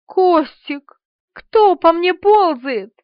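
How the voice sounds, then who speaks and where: A woman's voice: fairly high pitch, big pitch swings, measured pace, no echo, lo-fi sound. A woman voicing a young woman terrified of insects, who squeals and panics as she reads the part in an audiobook. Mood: panicked.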